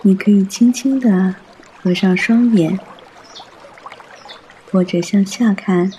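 Man, guided meditation, soft and soothing, high-pitched, mellow, trickling water in the background. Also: slight background noise. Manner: soft, soothing, unhurried delivery.

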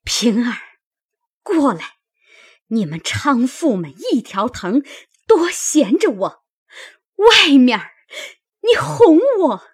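A woman's voice: high voice, very animated, slow, breathy edge, voice pushed up, full character voice. A woman reading an old novel aloud and voicing a jealous young noblewoman who scolds shrilly and breaks into sobbing screams. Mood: furious.

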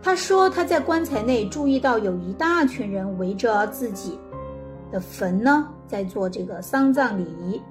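A woman hosting and narrating a story in a gentle, conversational way, with small filler pauses. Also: medium pitch, animated. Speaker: host. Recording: faint background music.

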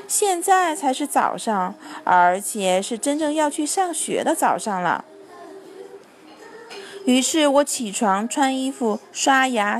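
Gentle higher-voiced woman reading a children's story. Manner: gentle narration, lightly voicing each character.

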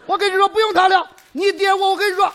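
Comic sketch: a cranky old-timer, thin and very high-pitched, scolding with long sighs. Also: male voice, little pitch movement, fairly bright tone, a faint crowd. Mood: proud. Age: older. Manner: scolding, drawn-out exclamations. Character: muddled fussy old man neighbor, stubborn. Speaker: old neighbor in a stage sketch.

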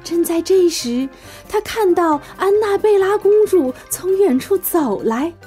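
A woman narrates a children's bedtime story in a high voice whose pitch leaps up and down, taking her time. Her tone is soft and mellow rather than bright, and she reads playfully and expressively over gentle background music.

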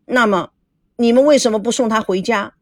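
A woman voicing a sharp-tongued young woman who questions and teases pointedly. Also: fairly high pitch, brisk, dry recording, clean studio sound, pitched above the performer's own voice, close to an everyday voice. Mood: suspicious. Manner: pointed, teasing.

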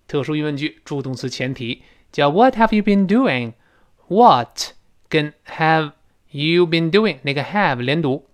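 Male English teacher with a fairly high voice, drilling phrases slowly in a recorded lesson. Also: a bit bright.

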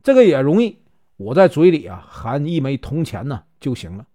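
A male storyteller voicing a rough, hot-headed outlaw who talks loud and blunt. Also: a little high, big pitch swings, normal speed. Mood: boisterous.

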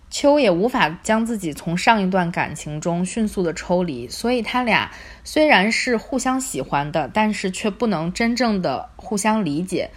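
A woman hosting a book club podcast, reading a novel aloud and then reflecting on it calmly. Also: medium pitch. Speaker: podcast host.

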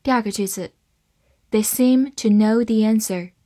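A woman teaching English vocabulary, spelling out words and reading example sentences slowly for learners to follow. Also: medium pitch, dark tone. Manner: slow, spelled-out model readings. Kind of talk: vocabulary lesson.

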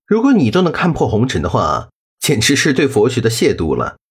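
A man voicing a calm, teasing young gentleman in an audiobook drama, asking pointed questions. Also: mid-range voice, fairly quick, husky, full character voice.

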